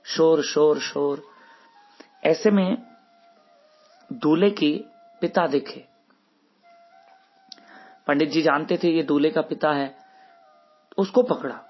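A man's voice: a little high, takes it slowly, creaky, pauses often, breathy edge. A man narrating a devotional story in a folksy, repetitive storytelling manner. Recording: muffled recording with faint music.

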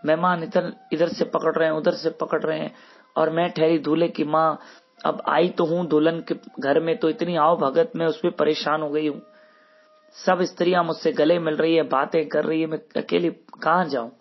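A man's voice: on the high side, little pitch movement, moderate pace. A man voicing a flustered, middle-aged mother of the groom who complains about being overwhelmed by guests. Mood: harried. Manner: harried, complaining. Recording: muffled recording with faint music.

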